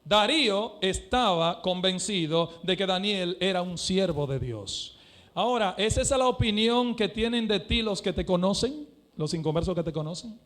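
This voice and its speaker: High, bright-voiced fervent male preacher. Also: animated, moderate pace. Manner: fervent preaching that swings from hushed to shouted; asks the congregation direct questions. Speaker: pastor. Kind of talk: sermon.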